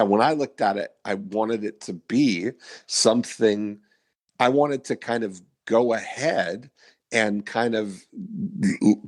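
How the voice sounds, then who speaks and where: A man in his fifties hosts a podcast conversation in a low, unhurried voice. He talks in a reflective, rambling way, full of fillers and restarts. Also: a little mellow. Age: 50s. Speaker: podcast host. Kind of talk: casual interview chat.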